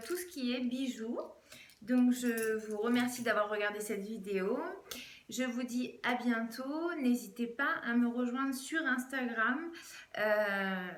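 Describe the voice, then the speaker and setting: Chatty woman with a high voice, echoey room. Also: fairly bright tone. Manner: chatty, hesitant with many fillers. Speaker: fashion vlogger.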